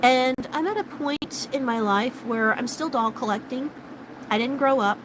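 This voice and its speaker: The speaker is a woman vlogger in her late thirties, high-voiced and speaking at a normal speed over background noise. She rambles in a casual chat with live viewers, filling gaps with plenty of fillers as her voice begins to fade.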